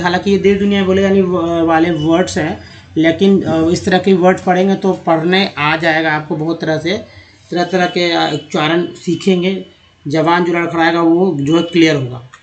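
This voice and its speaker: A man teaching English pronunciation in a slow, explanatory way, spelling out words letter by letter. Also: fairly high pitch. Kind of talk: Hindi-language spoken lesson.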